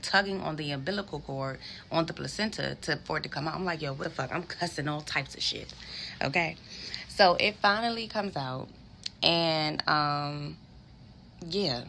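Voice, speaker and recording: A woman tells her viewers a story in a frank, casual way, swearing freely and calling them y'all. Her voice sits a little low with a gravelly edge. A faint hiss of background noise runs under the recording. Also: sharp tone. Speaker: vlogger.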